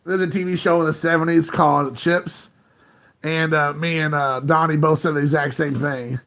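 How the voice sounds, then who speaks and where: A man in his late thirties hosts a laid-back live stream from his phone at home, rambling and chuckling often as he chats with viewers. His voice is a little high and fairly bright, with a steady tone at normal speed.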